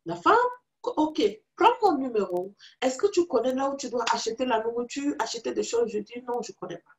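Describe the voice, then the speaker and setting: A woman's voice: fairly high pitch, brisk. A woman from Africa telling her own story as a preacher, acting out the dialogue of the people in it. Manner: animated storytelling, acts out dialogue with others in the story. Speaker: preacher and teacher. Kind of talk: testimony in a teaching video.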